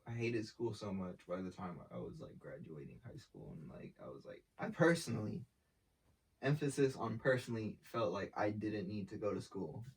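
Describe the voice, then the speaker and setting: A young man, talking casually in an interview in a laid-back, slangy way. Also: fairly low pitch. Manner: laid-back slangy talk, swearing, filler-heavy. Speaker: artist and brand founder. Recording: voice from a distance off the mic.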